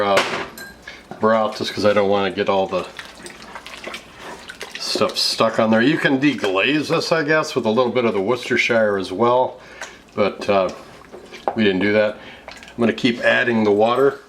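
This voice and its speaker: A man's voice: lowish voice, normal speed, long pauses, a bit bright. A man in his fifties with an American accent, talking casually as a cooking show host and explaining each step of a recipe. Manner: explanatory, conversational step-by-step narration. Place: home kitchen, indoors. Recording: clear background noise, kitchen clatter.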